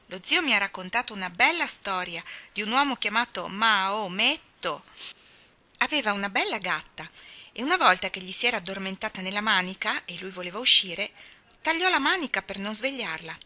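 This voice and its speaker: A modest, gentle little schoolgirl , as a woman reading aloud puts her on, reads her essay in a soft, sweet storybook voice. The tone is very bright and clear. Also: medium pitch, lively intonation, normal speed.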